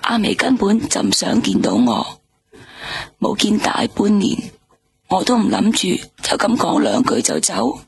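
In a Hong Kong Cantonese radio drama, an actress voices a worn-out young nightclub hostess who is tired, defensive, weary and bitter, sometimes sinking to a whisper. Her mid-range female voice swings widely in pitch, unhurried, creaky and breathy, in a heavily acted performance.

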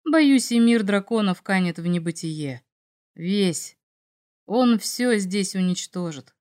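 A woman's voice: mid-range voice, animated, takes it slowly, a little mellow. A woman reading as a cocky young male dragon. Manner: teasing, self-assured. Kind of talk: audiobook character reading.

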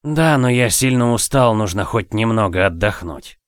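A man voicing a tired, reserved young sorcerer who speaks tersely in an even tone. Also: lowish voice, normal speed, dry recording, studio quality, lightly acted. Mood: weary.

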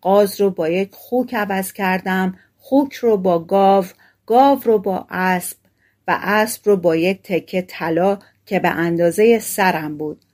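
A woman's voice: medium pitch, darkish tone, lightly acted. A woman reading the part of a gullible, cheerful young peasant man in a storybook tale. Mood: eager. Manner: gullible, delighted exclamations.

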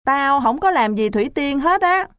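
A woman's voice: high-pitched, lively intonation, moderate pace, fairly bright tone, no room sound, studio quality, pitched above the performer's own voice. A woman voicing a sullen, stubborn schoolboy who speaks in a defensive, protesting way.

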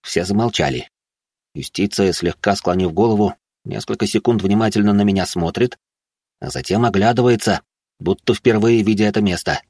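A man reading a first-person audiobook with a low, husky voice. His storytelling is terse and heated, and the dry, close sound has no room around it. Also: moderate pace, a little mellow, no echo. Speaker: narrator.

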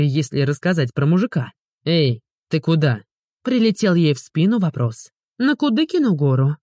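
Animated, mellow woman narrating an audiobook. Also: low-pitched, no echo, clean studio sound.

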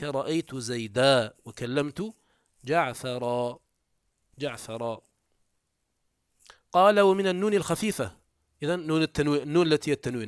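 A man's voice: fairly high pitch, dry recording. Man teaching Arabic grammar, dry sound. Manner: explains step by step, often checks understanding with quick questions; recites rhymed prose and verse examples aloud. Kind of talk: classroom lecture.

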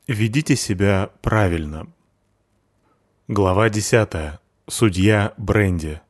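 A man reads an audiobook in a low voice. His telling is dry and wry, steady and even. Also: slow. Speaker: audiobook narrator. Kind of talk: audiobook narration.

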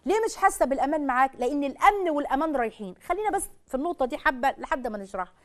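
A woman's voice: sits high, racing. A woman with an Egyptian Arabic accent giving a religious talk on marriage, asking rhetorical questions and speaking straight to her listeners. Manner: animated, rhetorical questions, addresses audience directly. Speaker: Islamic lecturer.

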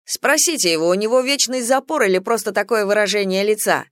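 A reader voicing a cheeky young male soldier who mocks his comrades in a high, teasing voice. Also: fairly quick, fairly bright tone, clean tone, dry recording, studio quality, close to an everyday voice. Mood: mocking. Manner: high-pitched and mocking.

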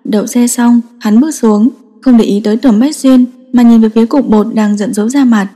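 A woman reading a story aloud as narrator, in steady scripted audiobook narration. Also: a little high, brisk. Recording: long reverb.

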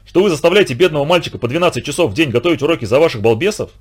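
Man doing a flustered detective guy, lots of exclaiming, quick and bouncy. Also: fairly high pitch, expressive, breathy edge. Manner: exclamatory, flowery praise. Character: adult male detective, earnest and flustered.

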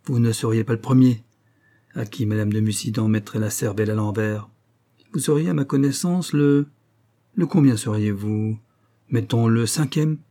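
A man's voice: lowish voice, moderate pace, dark tone, natural voice. A man reading a novel aloud, voicing a stout, chatty baron who loves gossip. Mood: amused. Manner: chatty and mocking.

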